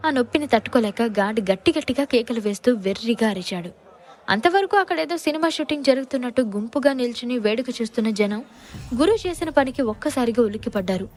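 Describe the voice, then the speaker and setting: A woman's voice: fairly high pitch, a little fast, darkish tone. A woman narrator telling a dramatic audio story in scripted, storytelling delivery.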